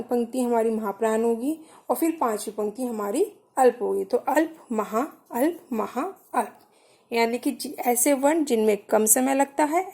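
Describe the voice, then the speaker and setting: A woman's voice: high voice, mellow. Patient woman teaching letter sounds. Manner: patient, spells out sounds one by one. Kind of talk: Hindi grammar lesson.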